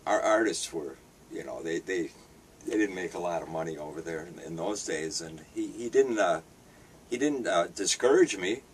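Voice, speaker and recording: A man from Hungary in his fifties, a street paper vendor and artist, talks at normal speed in a deep, animated voice. He answers interview questions hesitantly with many fillers and restarts, and the recording comes from a distant mic with faint background noise.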